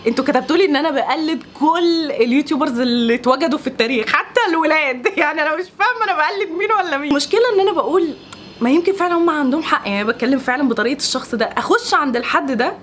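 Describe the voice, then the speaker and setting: Young Egyptian woman vlogger, high bright voice, rapid animated chatter, faint hiss behind. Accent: Egyptian Arabic. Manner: animated, laughs often, exasperated. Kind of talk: casual Q&A vlog talk.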